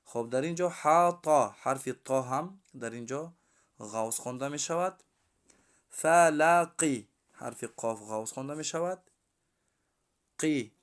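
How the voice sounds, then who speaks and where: Male reading teacher, syllable drills, slow and deliberate, mid pitch. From Tajikistan. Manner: slow drawn-out drilled recitation of syllables, then rapid quiet explanation. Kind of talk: recited reading lesson.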